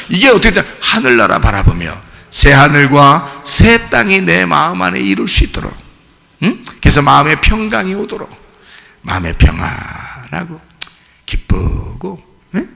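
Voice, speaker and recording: Man, pastor, sermon, gravelly, bright voice, long church reverb. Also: fairly high pitch. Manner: animated, questioning the congregation, colloquial. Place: church sanctuary.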